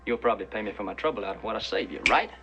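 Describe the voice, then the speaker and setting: An actor playing a sly, slangy small-time hustler making chummy, wheedling sales patter in a film. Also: male voice, lowish voice, expressive, rapid-fire, pushed and bright, muffled recording, slight background noise.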